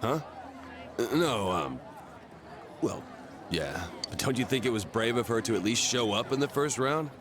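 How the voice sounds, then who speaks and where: An actor playing a gruff, bashful young man in a video game, with a halting, awkward manner. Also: medium pitch, animated, a crowd in the background, noisy background, close to an everyday voice. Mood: flustered.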